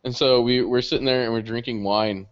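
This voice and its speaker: A young man, the podcast co-host, telling a story in casual chat, animated and swearing freely, laughing often. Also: mid-range voice, fairly quick. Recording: dull lo-fi podcast audio.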